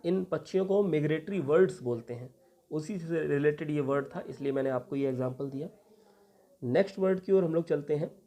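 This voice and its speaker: A young man from India gives a vocabulary lesson for exam candidates, slowing down to spell out words and repeat definitions. His voice sits a little high and has a soft, mellow tone. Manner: patient, repeats each meaning and spells words out. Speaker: teacher.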